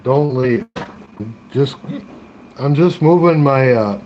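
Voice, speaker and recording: A man's voice: medium pitch, slow, highs cut off, a little hiss or hum. A man rambling casually to his livestream chat, full of fillers and restarts. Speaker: live streamer. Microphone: tablet streaming via phone hotspot.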